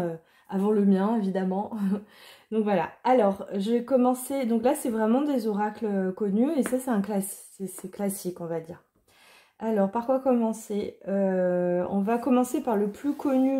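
A woman's voice: mid-range voice, mellow. A woman chatting casually as she shows card decks, with many fillers and restarts. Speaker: card reader and deck reviewer. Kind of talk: casual chat.

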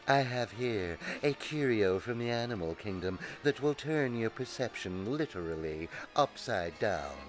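A man's voice: on the low side, lively intonation, unhurried, few pauses, soft background music. A man doing a sleazy fairground barker. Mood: grandiose. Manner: theatrical showman patter, slipping into petulant bickering. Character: seedy male freak show barker, scheming and huckstering. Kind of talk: radio comedy sketch.

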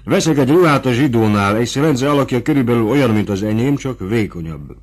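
A man's voice: medium pitch, animated, a little mellow, pitched above the performer's own voice, close to an everyday voice. A man reading an audiobook, voicing a humble, devoted former coachman in a plain, earnest tone.

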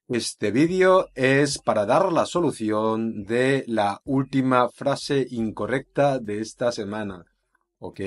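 Guy teaching spanish online, talks real slow, keeps asking ok?, patient. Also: mid-range voice. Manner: slow, patient explaining with frequent "¿ok?" checks. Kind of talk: online language lesson.

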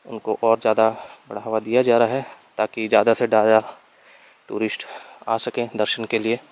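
Flat-voiced young man with guiding viewers outdoors. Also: mid-range voice. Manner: friendly, addresses viewers as friends, mixes English words. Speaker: travel vlogger. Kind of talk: travel vlog narration. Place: outdoors at a forest temple. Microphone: handheld camera mic.

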